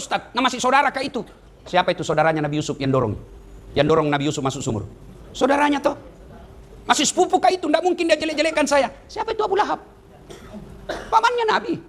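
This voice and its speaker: Fast, high-voiced joking preacher. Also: male voice, fairly bright tone. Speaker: Islamic preacher. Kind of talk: humorous sermon.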